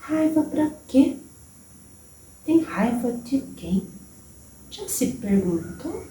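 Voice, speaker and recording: A woman with a Brazilian accent channeling a gentle, wise old grandmother spirit, speaking slowly and soothingly in a motherly tone that drops into whispers, recorded from a distance in a roomy space. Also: high-pitched, sing-song, slight background noise, exaggerated voice. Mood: tender. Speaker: spirit medium.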